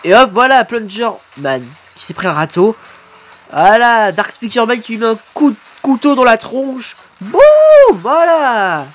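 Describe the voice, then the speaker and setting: A man commenting live on videos his subscribers made, excitable and quick to exclaim and swear. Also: very high-pitched. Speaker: YouTuber reacting to fan animations.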